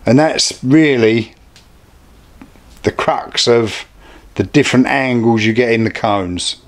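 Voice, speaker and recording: A British man hosting an informal hands-on craft demonstration, talking in a low-key, plain-spoken and unpolished way. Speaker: hobby craft video host.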